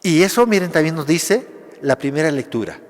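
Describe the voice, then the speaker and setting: A man's voice: fairly high pitch, big pitch swings. A man, a Capuchin priest, preaching a Sunday homily, asking rhetorical questions and answering them himself in short phrases. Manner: speaks in short phrases with pauses. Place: church. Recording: long church reverb.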